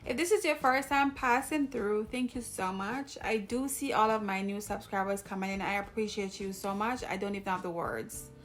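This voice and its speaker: At a normal speed with hardly any pauses, a Jamaican YouTube host talks casually to her viewers in a medium-pitched voice and Jamaican accent, rambling and breaking off mid-thought. A little hiss or hum sits in the recording.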